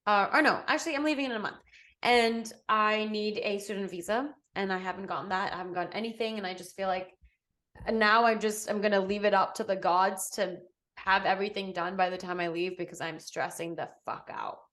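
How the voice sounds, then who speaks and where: A young English woman co-hosting a podcast, talking in a chatty, animated way. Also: medium pitch, a little fast. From England. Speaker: podcast co-host. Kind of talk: casual chat.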